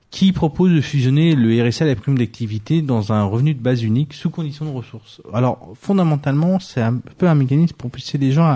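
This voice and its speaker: Man with a darkish warm voice explaining a news article, lots of euhs. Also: mid-range voice. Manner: hesitant, frequent fillers. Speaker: news columnist. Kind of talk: radio press review.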